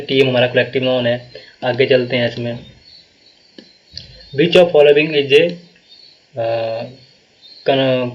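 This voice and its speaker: A man with a Himachali Hindi accent teaching a live online grammar class for exam prep, explaining slowly and repeating himself with many fillers. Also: medium pitch, highs cut off.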